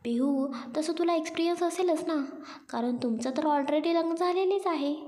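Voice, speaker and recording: A woman's voice: very high-pitched, normal speed, dark tone, voice pushed up. A woman voicing a playful young woman who teases her newly married friend. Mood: teasing. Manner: teasing, cheeky.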